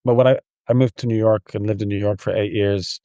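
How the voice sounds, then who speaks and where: A man with a soft Dublin Irish accent, telling stories in a relaxed, rambling way as a podcast guest. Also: fairly low pitch, brisk, no room sound, clean studio sound. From Ireland. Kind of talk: casual interview.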